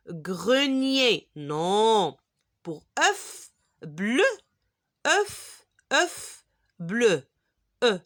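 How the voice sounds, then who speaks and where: A woman teaching young children to read, saying words slowly and clearly, having them repeat, and praising them. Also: a little high. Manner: encouraging praise. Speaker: reading teacher. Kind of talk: slow phonics lesson for young children.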